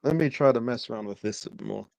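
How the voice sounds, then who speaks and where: A man's voice: mid-range voice, fast talker, gravelly, darkish tone, dry recording. A man co-hosting a podcast in loose, slangy sports chat, his faulty mic crackling, popping and cutting in and out so his volume keeps jumping. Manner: slangy, loose, full of "you know". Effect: faulty mic cutting in and out, crackling and popping, uneven volume. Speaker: podcast co-host.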